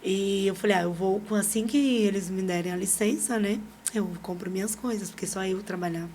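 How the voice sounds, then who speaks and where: A middle-aged Brazilian woman, a podcast guest, telling a personal story in a lively way, acting out what people said and laughing often. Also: mid-range voice, brisk, slight background noise. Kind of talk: personal storytelling in a casual interview.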